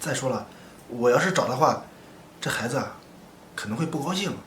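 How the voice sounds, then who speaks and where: Young single dad played by a man, earnest, filler-heavy, mid pitch; echoey, noisy take. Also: lively intonation, a little fast, lightly acted. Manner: earnest, talks with many fillers. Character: kind-hearted young man raising a foundling. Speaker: single father. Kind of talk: short web drama acting. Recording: echoey room with loud background noise.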